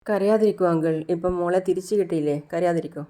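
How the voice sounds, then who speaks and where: A woman's voice: lowish voice, fast, warm tone, close to an everyday voice. A woman voicing a composed young woman who politely introduces people and consoles a grieving father. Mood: consoling. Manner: polite and reassuring.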